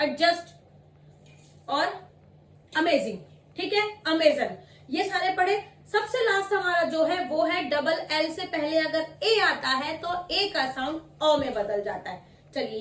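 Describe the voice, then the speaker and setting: A woman with a high voice teaches pronunciation, going over each example word slowly and patiently. She sounds a little far from the mic, in an echoey room. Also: fairly bright tone. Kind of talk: spoken lesson.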